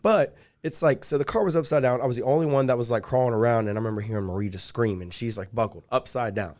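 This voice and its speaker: Fast and a little mellow, this young man's medium-pitched voice carries a long, rambling personal story in a casual chat. He's a podcast guest who relies heavily on fillers such as "like" and "dude."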